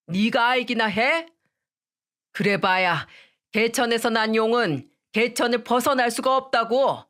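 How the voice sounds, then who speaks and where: A woman voicing an arrogant middle-aged man who sneers and yells in a radio story. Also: a little high. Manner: sneering, contemptuous, yelling.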